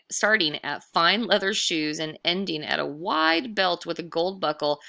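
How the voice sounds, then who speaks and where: A woman storyteller with a low, creaky voice reads aloud unhurriedly. Her narration for children is expressive and dramatic, stretching certain words out for effect.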